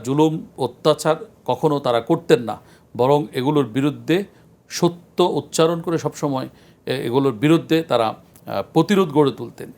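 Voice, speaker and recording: Man, earnest lecture, measured, pausing, studio religious discussion. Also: medium pitch, darkish tone. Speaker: Islamic scholar guest.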